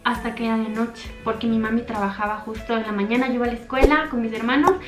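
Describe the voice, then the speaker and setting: A woman's voice: a little high, steady tone, fast, music in the background. A young woman tells a personal story from her childhood to her channel in an earnest, heartfelt, intimate way. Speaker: YouTuber. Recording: echoey room.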